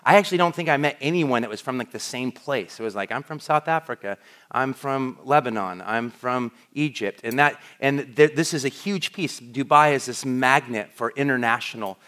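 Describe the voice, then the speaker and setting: With a medium-pitched, fairly bright voice at a normal speed, a middle-aged U.S. pastor preaches conversationally. Restarts and fillers come up frequently in his delivery.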